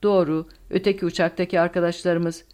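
A woman's voice: fairly low pitch, little pitch movement, a little fast, a little mellow, natural voice. A woman voicing a tense male wartime pilot in an audiobook, speaking in a raised, urgent voice.

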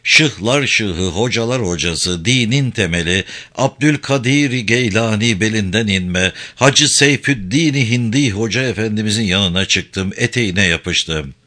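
A man's voice: on the low side, expressive, measured pace, few pauses, sharp tone. A man narrating a first-person folk tale in a vivid storytelling manner.

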